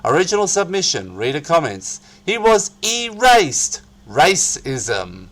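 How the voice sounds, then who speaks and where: A man narrating an article as a dramatic reading, with theatrical, hammy emphasis and drawn-out key phrases. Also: medium pitch, a bit bright.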